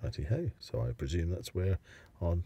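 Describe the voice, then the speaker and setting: A jokey man chatting on a podcast who laughs at everything and jumps in with quips. His voice is husky, and its pitch moves a lot. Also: sing-song, moderate pace, dark tone. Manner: jokey, laughs often, banters. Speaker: podcast co-host. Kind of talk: casual podcast chat.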